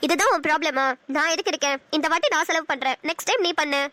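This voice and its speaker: A woman's voice: high-pitched, fast talker, pushed and bright, no echo. A woman voicing a sweet, affectionate young woman in a cartoon. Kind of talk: Tamil cartoon dubbing.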